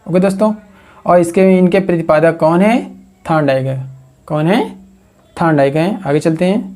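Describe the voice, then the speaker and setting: Mellow-voiced man teaching exam memory tricks. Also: a little high, normal speed. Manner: repeats questions to the class and answers them; builds memory tricks from words. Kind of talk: exam coaching lecture.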